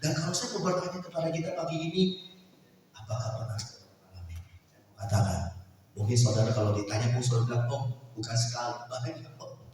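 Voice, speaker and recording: Older pastor preaching in an echoing hall. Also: male voice, mid-range voice, fast talker, slight background noise. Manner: fervent preaching, swings from soft asides to loud outbursts, rhetorical questions. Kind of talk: sermon. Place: large church hall. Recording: echoey church hall, mic at a distance.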